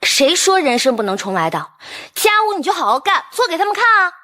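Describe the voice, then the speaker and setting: Feisty young roommate, bright high voice, lively, quick to bristle. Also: female voice. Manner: indignant and lively.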